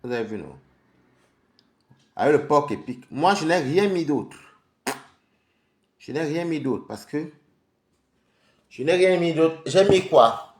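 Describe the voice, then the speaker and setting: Eating at home on a live stream, a congested man rambles chattily and speaks directly to his viewers. His voice sits fairly high and is expressive, slow, and often broken by pauses, in an echoey room.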